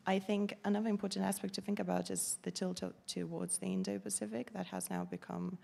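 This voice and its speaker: Heavily creaky woman panelist. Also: medium pitch, level tone, warm tone. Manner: measured, with frequent filler sounds. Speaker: conference panelist. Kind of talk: conference panel talk.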